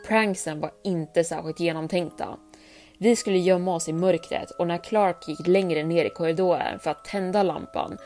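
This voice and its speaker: Low, mellow storytelling woman. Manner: reads stories aloud in first person, calm and even. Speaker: podcast host. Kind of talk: scripted storytelling narration.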